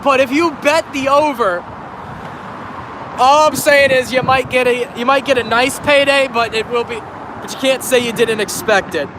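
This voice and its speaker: On a bridge over a busy highway, a railfan recovering from a cold chats with his livestream viewers through his phone, restarting and correcting himself often. He speaks at a moderate pace in a very high-pitched voice, and the outdoor audio is loud with traffic and wind.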